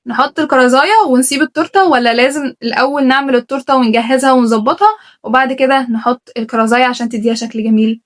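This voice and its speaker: A woman with an Egyptian Arabic accent, talking to her channel about learning languages in a blunt, emphatic way, full of rhetorical questions. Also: sits high. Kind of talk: opinionated vlog talk to camera.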